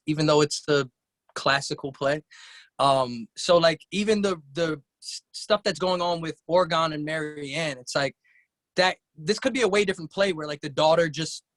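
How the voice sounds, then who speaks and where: High-voiced man rambling on a video call. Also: a bit bright, dry recording, low-quality recording. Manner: rambling, thinking aloud with many fillers. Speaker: cast member on a panel. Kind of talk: casual panel discussion.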